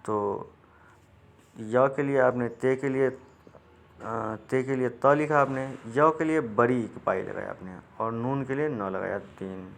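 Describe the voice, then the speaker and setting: A man's voice: medium pitch, slight background noise. A man, teaching a reading lesson step by step in a patient, repetitive way. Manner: patient, repetitive, frequent restarts.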